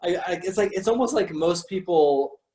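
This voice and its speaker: A man's voice: sits high, normal speed, mellow, rough recording. A man hosting a casual livestream from home, rambling and emphatic, with many restarts and some swearing. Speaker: host of an online talk stream.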